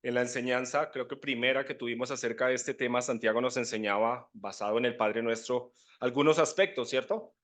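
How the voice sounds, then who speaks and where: A man's voice: medium pitch, steady tone, brisk, few pauses, a bit bright. A man giving a conversational Bible teaching, often checking in with listeners. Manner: conversational, often asks "¿cierto?". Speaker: preacher.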